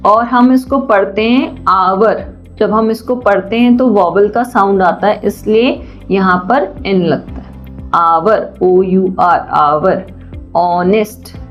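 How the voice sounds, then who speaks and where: A woman teaching a children's grammar lesson, patient and deliberate, often asking questions and answering them herself. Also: mid-range voice. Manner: slow and deliberate. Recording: dull lo-fi sound, faint music.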